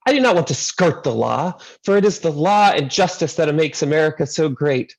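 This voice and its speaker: A woman's voice: deep voice, lively intonation, moderate pace. A man voicing a fiery elderly grandmother with a thick Greek accent, pleading her case with emphatic conviction. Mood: impassioned.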